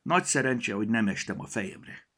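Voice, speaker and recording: A man's voice: fairly low pitch, animated, a bit bright, breathy edge, voice pushed up. A man voicing a polite but firm young girl in a storybook reading.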